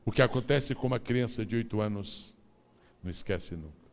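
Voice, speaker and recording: A man's voice: fairly low pitch, fairly quick. A male pastor preaching a sermon, animatedly acting out the story for his congregation. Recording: long reverb of a large church.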